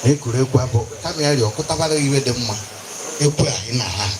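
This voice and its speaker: Speaking very fast in a medium pitch, a Nigerian Igbo-accented man hosts a live stage event, flipping between Igbo and English with flamboyant announcer phrasing. The microphone recording is noisy with live-event sound.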